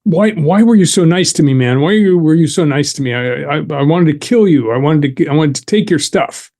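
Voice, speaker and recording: A man voicing an agitated male gunman, jumpy and bewildered, in a high, strained voice. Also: expressive, brisk, warm tone. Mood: pleading.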